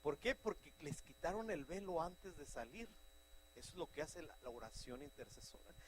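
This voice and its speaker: A middle-aged man preaching a fervent sermon, telling stories and breaking into loud shouts. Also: fairly high pitch, lively intonation, moderate pace, a little hiss or hum, poor audio. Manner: fervent, shouting bursts, anecdotal.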